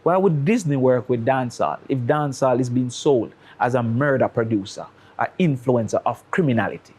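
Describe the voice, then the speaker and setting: His voice is medium-pitched, darkish and slightly rough, and he talks a little fast with a Jamaican accent. As a studio guest, he argues his opinions on a talk show via analogies and rhetorical questions.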